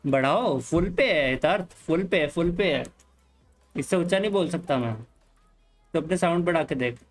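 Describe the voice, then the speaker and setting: Indian man, game streamer, laid-back chat, slightly higher voice, faint music behind. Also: normal speed, rough recording. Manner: easygoing, mixes Hindi and English, calms the chat. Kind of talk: casual live-stream chat with viewers. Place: home room, hot.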